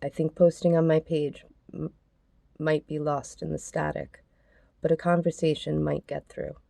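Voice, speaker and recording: Woman podcast host, low dark voice with some fry, soft and earnest, reading messages aloud. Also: little pitch movement, moderate pace, dry recording.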